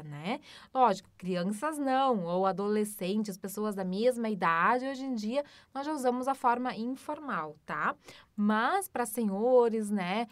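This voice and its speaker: Woman, German teacher, slightly high voice, spells out example phrases slowly, dry close sound. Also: fairly bright tone, no echo. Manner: slow, drawn-out model phrases with frequent "tá?" and "né?" checks. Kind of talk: online language lesson.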